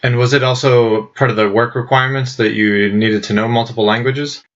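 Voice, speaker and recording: An American man hosts a podcast, putting long, conversational questions to his guests. His medium-pitched voice moves fairly quickly with fairly even intonation. The podcast audio is dull and lo-fi.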